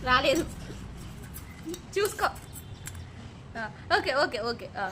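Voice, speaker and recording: A young mother with a very high voice talks to her toddler at home, coaxing and scolding him in short, repeated commands. Her words come in quick bursts of instructions to eat, look and stop crying. A faint hiss of household noise sits behind her. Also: animated. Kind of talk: casual home vlog. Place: family home.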